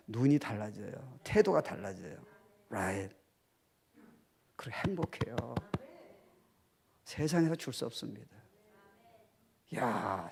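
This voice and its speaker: A middle-aged man preaching a sermon as pastor, swinging from loud, emphatic exhortation to quiet, confiding asides. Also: mid-range voice, vocal fry, husky. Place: church sanctuary.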